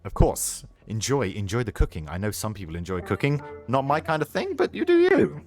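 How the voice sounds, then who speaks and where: A British man streams a video game live, joking loosely and answering his chat as he goes. His pitch rises and falls a lot, keeping the talk animated. Faint music plays behind him. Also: fairly quick. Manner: joking, chatty, reads chat aloud.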